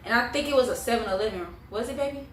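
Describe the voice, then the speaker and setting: A woman's voice: on the high side, very fast. A young adult woman telling a personal story in casual, slangy, blunt vlog chat, swearing freely. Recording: roomy echo, distant mic, faint noise.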